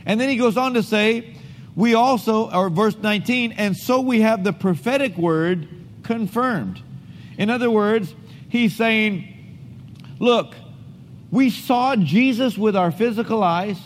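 A man delivers a sermon as pastor, his voice sitting high for a man. He leads the congregation through reading and call-and-response. The sound rings out in a large hall with long reverb and a faint hum behind it. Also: a little slow.

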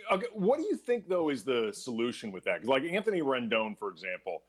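A man's voice: medium pitch, sing-song, a little fast, slightly rough. A man co-hosting a sports podcast, asking questions in a loose, conversational way. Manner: conversational, questioning, with small laughs. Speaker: podcast co-host.

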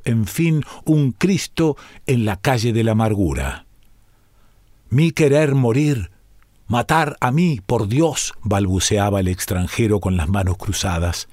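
A man reading a classic story aloud in the first person, slow and dramatic, rising to impassioned speeches. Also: on the low side, a little mellow, no echo. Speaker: audiobook reader. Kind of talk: scripted first-person literary narration.

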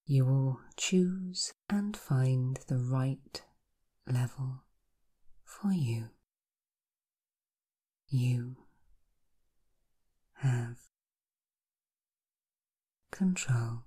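Woman talking u down into hypnosis, super slow, husky and half whispery, keeps repeating deeper deeper. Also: animated, dark tone. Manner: slow repetitive suggestions. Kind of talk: guided hypnosis relaxation.

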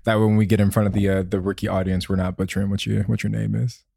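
A man's voice: fairly low pitch, level tone, quick pace, creaky, dark tone, dry recording, studio quality. A man co-hosting a podcast in casual chat, easygoing and hesitant, with many fillers. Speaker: podcast co-host.

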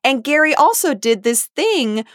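A woman co-hosts a podcast, trading candid remarks in a casual recap chat. Her mid-pitched voice is very animated and swings widely. The recording is close and dry. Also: no room sound. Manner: animated, candid, quick reactions. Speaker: podcast co-host.

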